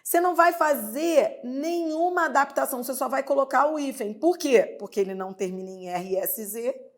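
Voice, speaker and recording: Drawing out her examples and asking rhetorical questions, a Brazilian Portuguese-accented woman teaches grammar in an online exam-prep class. She speaks with a high voice at a moderate pace.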